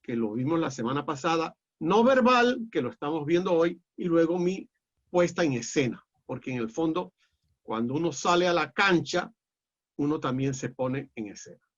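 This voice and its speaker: High-voiced Peruvian man lecturing. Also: expressive. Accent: Peruvian Spanish. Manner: measured and explanatory, with frequent "eh" fillers and restarts. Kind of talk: online class lecture. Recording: dull lo-fi audio.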